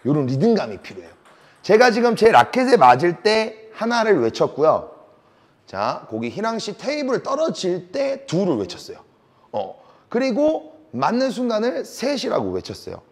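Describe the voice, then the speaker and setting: A man's voice: high voice, wildly swooping pitch, normal speed. A man coaching a student at table tennis, praising often, counting rhythm aloud and teasing her. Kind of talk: on-court lesson, coaching a student.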